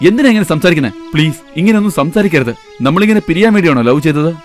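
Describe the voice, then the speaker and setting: A man's voice: a little high, animated, rapid-fire, faint music behind, close to an everyday voice. A man dubbing a young shop owner who soothes his girlfriend, in film dialogue. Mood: coaxing. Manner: coaxing, soothing. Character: young male shop owner and lover, eager to please. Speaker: dub actor.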